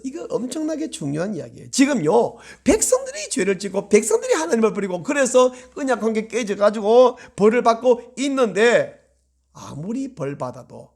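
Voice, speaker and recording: A male pastor preaching a sermon, swinging from loud, pressing appeals to hushed, near-whispered prayer. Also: sits high, vocal fry, slightly rough.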